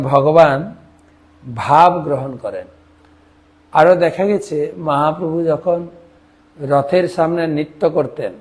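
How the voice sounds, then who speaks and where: A man's voice: on the high side, a little mellow. A man delivering a devotional sermon, breaking into a singsong chant of the mantra and mimicking how other regions pronounce it. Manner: chants the mantra in a singsong rhythm between spoken teaching; imitates other regions' pronunciations. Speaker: preacher.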